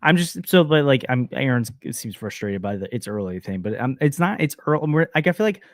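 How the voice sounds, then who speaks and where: A man co-hosting a casual sports podcast, hedging a lot with fillers and quick restarts. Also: mid-range voice, sing-song, no echo, clean studio sound. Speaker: podcast co-host.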